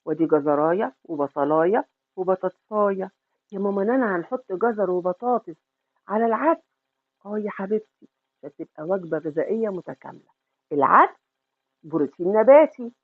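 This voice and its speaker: Fast-talking Egyptian woman cooking host, tinny. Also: medium pitch, dry recording. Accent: Egyptian Arabic. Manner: affectionate, calls the viewer sweetheart, asks and answers her own questions. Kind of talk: chatty home cooking tutorial.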